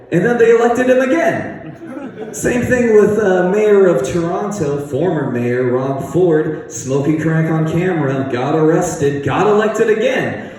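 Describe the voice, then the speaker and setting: A man doing a stand-up set at an open mic, rambling and deadpan, jumping high in pitch for punchlines. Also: very echoey, in a large hall, distant mic, rough recording. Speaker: stand-up comedian. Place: comedy bar open mic.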